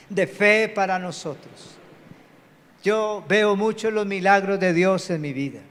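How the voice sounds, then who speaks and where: A man preaching a live church sermon as pastor, calling on the congregation to say amen. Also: sits high. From Colombia. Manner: preachy, calls out to the congregation for amens. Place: large church hall. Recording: reverberant church hall.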